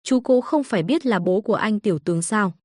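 A woman's voice: medium pitch, expressive, fairly quick, a little mellow, no echo, clean studio sound, lightly acted. A synthetic woman's voice reading the lines of a three-year-old girl in a storybook. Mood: plain.

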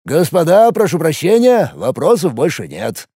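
A man voicing a weary middle-aged security guard in an audiobook, speaking slowly and formally. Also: a little high, wildly swooping pitch, mellow, breathy edge, dry recording, clean studio sound, heavily acted. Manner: tired, slow, formal. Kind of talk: audiobook character voice.

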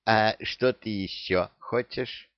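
A man voicing a sly older pirate captain who wheedles and coaxes in a gruff way. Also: fairly low pitch, very animated, a little slow, no echo, dull audio. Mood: coaxing.

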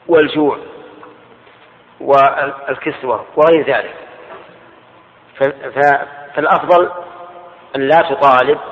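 An older male Islamic scholar giving a measured religious lesson explaining hadith, repeating key phrases as he explains. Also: mid-range voice. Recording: dull lo-fi archive recording in a large reverberant hall.

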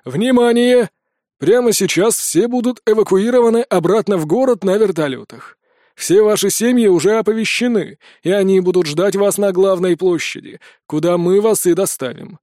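A man voicing a middle-aged male school director who speaks deliberately and with authority. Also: sits high, mellow, no room sound, studio quality, close to an everyday voice. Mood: commanding.

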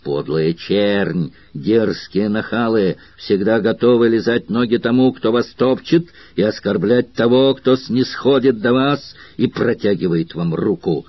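Guy putting on an angry gladiator brute, hoarse rough growl, lowish, dull lo-fi sound. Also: a little slow, few pauses, no echo. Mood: contemptuous. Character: furious brawling gladiator man, coarse and loud.

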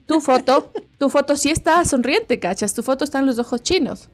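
A woman's voice: sits high, expressive, moderate pace, soft background music. A woman co-hosting a podcast, chatting casually over a video call and rambling with many restarts. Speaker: podcast co-host. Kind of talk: casual chat.

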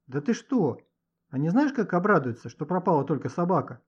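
A man's voice: a little high, very animated, fairly quick, husky, lo-fi sound. A man reading the part of a good-natured schoolboy who helps grudgingly, speaking offhand with sighs. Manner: offhand, sighing.

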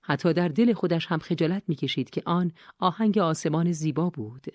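A woman narrating an audiobook in an even, measured reading. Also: sits low, no echo.

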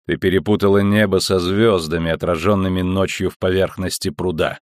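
Man doing a metallic spirit voice, low, slow, sneering, dry audiobook read. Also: fairly even intonation, no echo, natural voice. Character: cold mocking metallic spirit voice speaking through a girl. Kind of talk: audiobook reading.

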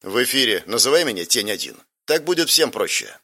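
A man's voice: mid-range voice, very animated, brisk, gravelly, bright, forceful tone, slightly rough, heavily acted. Audiobook: a worn-out, tough female commander with curt, clipped replies , voiced by a male reader. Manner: curt, hard-edged clipped answers. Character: weary, tough woman field commander.

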